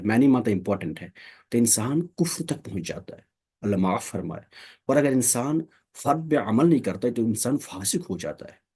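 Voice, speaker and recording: A man's voice: mid-range voice, warm tone, husky. A man teaching a Quran recitation class, explaining patiently and often checking that students follow. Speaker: Tajweed teacher. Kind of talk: Quran recitation lesson, Urdu mixed with English.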